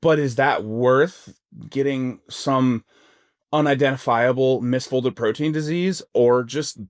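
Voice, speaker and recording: A man's voice: medium pitch, takes it slowly, dry recording, studio quality. A man co-hosting a health podcast, talking bluntly and emphatically in casual slang. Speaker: podcast co-host.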